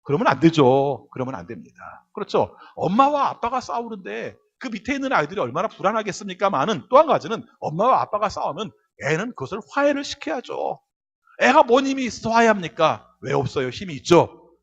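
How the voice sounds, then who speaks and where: A male pastor preaching with a lively, swooping delivery and a voice pitched a little high. He acts out quoted voices and keeps checking in with his listeners. The recording sounds dull and lo-fi. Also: a little fast, gravelly, slightly rough. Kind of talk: sermon.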